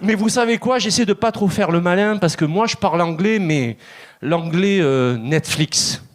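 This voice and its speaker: On a comedy club stage, a man in his thirties from Marseille, France, performs a chatty stand-up routine in a strong Marseille French accent. His high voice moves at normal speed, and he laughs and does voices for the people he quotes.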